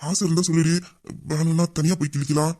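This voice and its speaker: A man's voice: a little high, little pitch movement, quick pace, warm tone. A man playing a teasing, bossy male boss. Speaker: boss voicing a romantic male lead. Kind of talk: Tamil audio drama acting.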